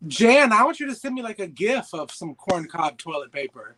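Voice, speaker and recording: A man's voice: high voice, very animated, normal speed, a bit bright, no room sound. A man calling in to a casual group chat, cracking playful jokes over buzzy, glitchy call audio that keeps breaking up. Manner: jokey, playful asides. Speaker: guest calling in. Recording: clicky, noisy remote call line.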